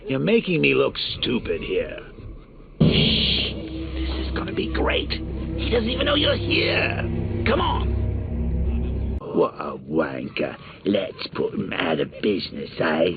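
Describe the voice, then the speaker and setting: An actor playing a gleefully sadistic, taunting clown villain in a video game, with a gravelly voice and a mocking, theatrical delivery. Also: male voice, phone-quality sound, full character voice. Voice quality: gravelly, creaky voice with shrill swoops.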